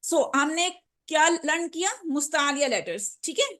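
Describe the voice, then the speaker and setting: A woman teaching Quran recitation in a lesson, patiently repeating words slowly for her pupils, speaking words. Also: high-pitched, lively intonation, fairly bright tone, a little hiss or hum. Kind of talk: online tajweed lesson.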